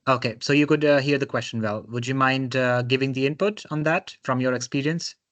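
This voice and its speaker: A man's voice: mid-range voice, fairly even intonation, brisk, a bit bright. A man co-hosting a session who takes questions from the online audience in a polite, procedural way. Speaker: session co-host.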